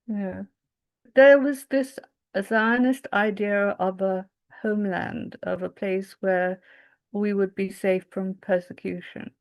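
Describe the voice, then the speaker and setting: Slow, reflective woman guest with fry. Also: mid-range voice, fairly even intonation. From England. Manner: reflective and thoughtful, searching for words. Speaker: interview guest. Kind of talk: conversational interview.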